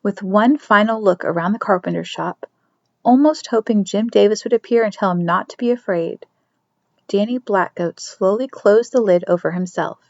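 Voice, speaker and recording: Lady reading a storybook chapter, gravelly voice, dry dull recording. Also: mid-range voice, moderate pace, no echo. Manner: steady storytelling, soft whispers for inner thoughts. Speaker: audiobook reader. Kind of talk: scripted narration.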